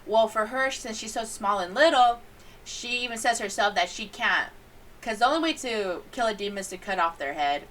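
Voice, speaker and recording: A young adult woman giving a casual, rambling anime review, animated and giggly as she tells stories. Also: medium pitch, normal speed, far from the mic.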